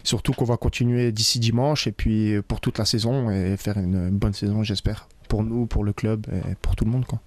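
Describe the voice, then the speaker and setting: A man's voice: lowish voice, moderate pace, few pauses, no echo. Young man from France talking after a match. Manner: relaxed, many filler sounds, loose phrasing. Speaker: football player. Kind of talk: post-match interview. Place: locker room, indoors. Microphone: interviewer's handheld mic.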